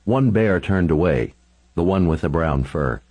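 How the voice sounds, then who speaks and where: A man's voice: low voice, lively intonation, a little slow, darkish tone, husky, poor audio. A man reading a first-person story aloud as an intense, dramatic narration.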